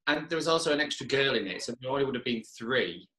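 A man's voice: medium pitch, lively intonation, quick pace, bright, forceful tone. A man chatting casually as a guest on a podcast. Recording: echoey room.

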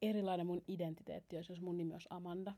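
A woman's voice: on the low side, steady tone, dark tone. A young woman co-hosting a podcast with her twin, chatting casually, teasing and laughing, and mixing in English phrases. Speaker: podcast co-host. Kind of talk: casual chat.

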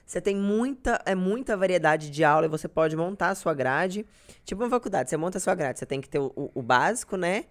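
A woman's voice: on the low side, lively intonation, fast talker. A young woman from Brazil, chatting casually as a podcast guest and telling self-deprecating stories. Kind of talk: casual chat.

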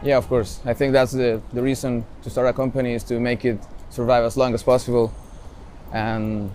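A man from Chile with a Chilean Spanish accent, answering interview questions in a relaxed way and sometimes searching for English words. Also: medium pitch, normal speed, faint music behind. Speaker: startup founder, interview guest. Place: outdoors in a city with traffic nearby.

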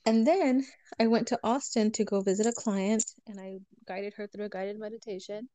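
A woman speaks in a warm, relaxed register, recounting a personal story to a podcast host. She animates quoted dialogue as she goes, and the recording is dry and close with no room sound. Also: medium pitch, moderate pace, dry recording. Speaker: guest telling a personal story. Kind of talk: casual podcast chat.

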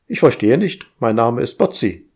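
A man's voice: mid-range voice, very animated, moderate pace, a little mellow, breathy edge. A man voicing a fussy, literal-minded female household AI who scolds in a prim, pedantic way. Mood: prim scolding.

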